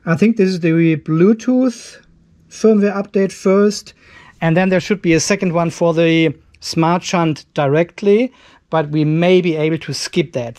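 The host of an off-grid solar video channel, a man in his fifties, gives a casual hands-on tech demonstration in an indoor garage workshop. He's conversational and thinks aloud as he works, in a high-pitched voice with a darkish tone.

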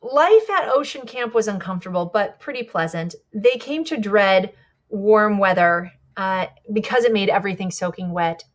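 A woman's voice: mid-range voice, normal speed. Conversational woman guide giving a talk. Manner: warm, conversational, with small slips and self-corrections. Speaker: polar expedition guide giving a presentation. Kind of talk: presentation lecture with slides.

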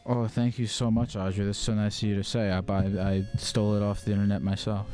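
Laid-back low-voiced male call-in host. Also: level tone, fast talker, warm tone, faint music behind. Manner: laid-back, rambling, joking. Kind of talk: casual call-in advice chat. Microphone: stand mic.

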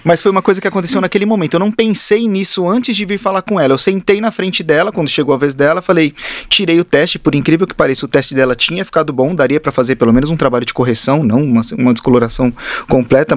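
A man with a slightly raised voice rattles off a salon anecdote at a brisk clip. His talk is lively and full of slang, casual and chatty, in a dry, close room. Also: on the high side, dry recording. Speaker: hairdresser guest. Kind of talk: casual storytelling on a podcast.

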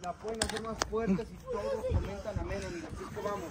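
A man's voice: high voice, huge pitch swings. A man co-hosting a live-stream ghost hunt, leading prayers and urging viewers to comment. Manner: fast, pleading, rallies viewers to pray. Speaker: streamer's son, co-host.

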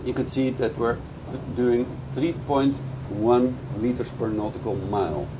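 Slightly slow and mid-range in pitch, this middle-aged man is a boat dealer giving a casual, enthusiastic walkthrough review of a boat while on a moving motorboat. He explains as he goes, speaking over the engine, with loud engine, wind and water noise throughout.

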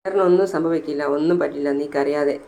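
A narrator voicing a gentle older woman who calms and coaxes the mother. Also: low-pitched, fast talker. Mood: soothing. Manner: soothing.

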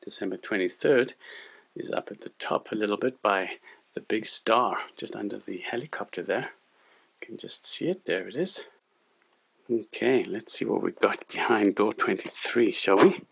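Creaky-voiced man hosting for children. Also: fairly low pitch, expressive, normal speed, fairly bright tone. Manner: friendly explaining to young children. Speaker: children's show host. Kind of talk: puppet show and toy-building commentary.

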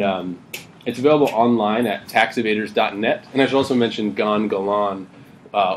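Casual, lower-voiced artist giving a panel talk. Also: male voice, slight background noise. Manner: casual and loose, many "um" and "uh" fillers and restarts. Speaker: panelist, new media artist. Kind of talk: conference talk presenting slides. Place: conference room.

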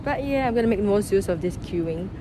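A woman's voice: medium pitch, expressive, quick pace. A young woman from Singapore chatting cheerfully to camera through a face mask as she walks and queues for a travel vlog. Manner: chatty and upbeat, talking to camera while walking and queuing. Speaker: travel vlogger. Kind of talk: casual travel vlog chat. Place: outdoors on city streets. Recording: noisy outdoor street recording. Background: street ambience and passing vehicles.

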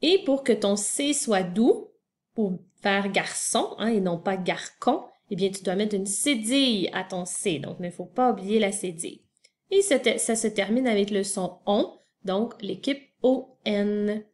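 A woman's voice: medium pitch, normal speed, a little mellow. A woman teacher giving a spelling lesson to young children, spelling words out letter by letter and talking directly to the child.

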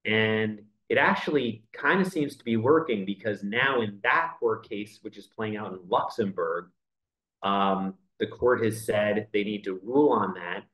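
A man's voice: fairly low pitch, a little slow, muffled recording. Man explaining celebrity news over video call. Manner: conversational, explains step by step with many "you know"s. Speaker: entertainment news editor. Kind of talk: remote news interview. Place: indoor room with framed poster behind.

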